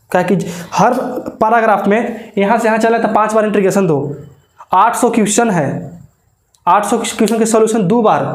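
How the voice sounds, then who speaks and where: A man teaching a maths coaching class, chatty and often checking whether his students follow. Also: high voice. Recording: echoey classroom.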